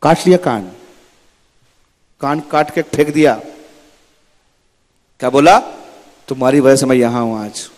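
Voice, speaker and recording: A man's voice: medium pitch, unhurried, long pauses, a little mellow. A man giving a sermon in a temple hall, telling stories with acted-out dialogue. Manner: dramatic storytelling with acted-out dialogue. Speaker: preacher.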